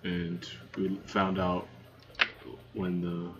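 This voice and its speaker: A man's voice: sits low, extremely slow, over music. A man playing a tabletop role-playing game, chatting casually with friends and swearing freely. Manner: profane, excitable banter. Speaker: player. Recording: dull, noisy home recording.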